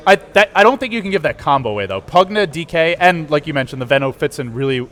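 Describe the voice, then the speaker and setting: A man co-hosting an esports broadcast, giving relaxed, chatty post-game analysis with plenty of fillers. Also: on the high side, quick pace.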